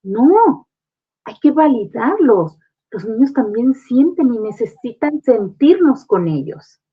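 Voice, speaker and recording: A woman's voice: a little high, very animated, slow pace, breathy edge. A woman, a guest on a talk program, explaining grief in an earnest, reassuring way. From Mexico. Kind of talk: conversational advice on a talk program. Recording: muffled lo-fi sound.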